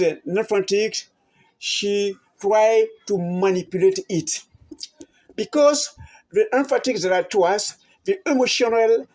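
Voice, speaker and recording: A woman, a native French speaker, hosting a health channel and talking to viewers in a halting way, often repeating and restarting words. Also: medium pitch, warm tone. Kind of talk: informal talk to camera.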